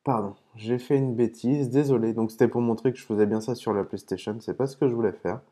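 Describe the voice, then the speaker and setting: A man hosts a laid-back gaming video, talking the viewer through each case he opens. His voice sits in an ordinary middle register with a warm, mellow tone. He explains things patiently, trails off into fillers, and mutters curses under his breath at his own fumbles. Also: mid-range voice, fairly even intonation, fast talker. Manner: hesitant, with frequent "euh" and restarts. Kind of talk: casual commentary while opening game cases.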